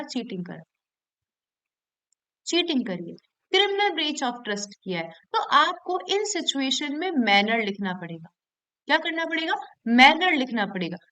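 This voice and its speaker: A woman gives a law lecture in a fairly high voice. She repeats key points, asks the class questions and answers them herself. Her delivery is patient and explanatory. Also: big pitch swings, sharp tone, rough recording. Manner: reads statute text aloud slowly. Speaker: law teacher.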